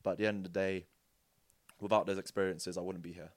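A young man, a podcast guest telling rugby stories in a casual, animated way. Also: low voice, quick pace. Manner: animated storyteller, acts out quotes with jokes and laughs. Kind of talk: casual storytelling chat.

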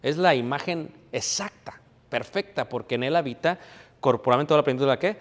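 A man preaching a sermon, emphatic, asking questions and answering them himself. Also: a little fast. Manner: emphatic teaching, asks and answers his own questions; drops to a quiet, low voice when telling a personal story. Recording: hall with long reverb.

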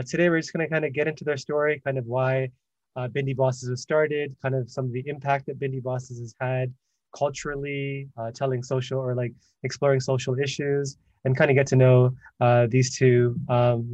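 A male podcast host with a friendly, easygoing delivery and plenty of filler words. His voice sits in a middle pitch. It sounds dry and close, with no room echo. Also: a little mellow, highs cut off. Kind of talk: podcast interview chat.

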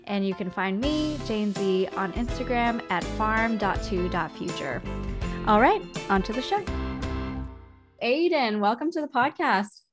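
A woman's voice: medium pitch, lively intonation, measured pace, music in the background. A woman hosting a podcast, giving an upbeat, conversational introduction and interviewing a guest. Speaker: podcast host.

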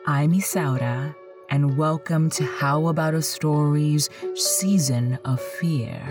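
A woman in the role of a horror host, narrating a spooky story with theatrical, drawn-out suspense. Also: low voice, distant mic. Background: music.

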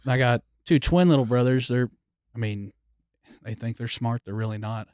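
A man's voice: mid-range voice, moderate pace, darkish tone, smooth, dry recording, clean studio sound. A man, a firefighter guest in a casual podcast chat, telling self-deprecating stories and laughing often.

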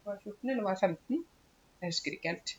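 A woman giving a casual spoken language lesson, stopping to explain words slowly with many fillers. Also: medium pitch, expressive, muffled recording. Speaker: Norwegian language teacher.

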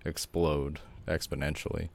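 A man with a very deep voice chats on a podcast, backing up his friend. He is easygoing and supportive, with casual swearing. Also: level tone, moderate pace, creaky, slight background noise. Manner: supportive, profane, calls his friend "brother". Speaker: podcast co-host.

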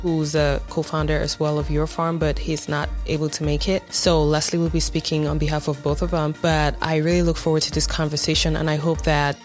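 A woman's voice: low voice, level tone, fairly quick, few pauses, soft background music. A woman hosting an interview, effusive and encouraging toward her guest. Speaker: interview host. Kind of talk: casual interview.

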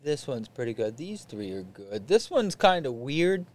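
A man's voice: mid-range voice, sing-song, a little slow, a little mellow. A man hosting a casual podcast, laid-back as he explains the rules of a guessing game and reads out clues to his friends. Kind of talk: casual group chat.

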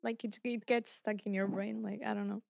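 A woman co-hosting a casual podcast chat, excitable and quick to laugh. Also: medium pitch, vocal fry, dry recording, clean studio sound. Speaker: podcast co-host.

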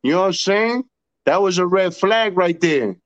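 A man's voice: high voice, expressive, normal speed, no echo, dull audio. A man co-hosting a casual podcast, laid-back, chiming in and asking questions. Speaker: podcast co-host.

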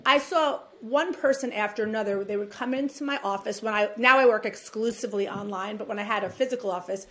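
A woman's voice: medium pitch, fast talker, sharp tone. A woman with a New York accent, a divorce mediator talking in a rambling, chatty way on a podcast interview. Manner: chatty, rambling, self-deprecating laughs.

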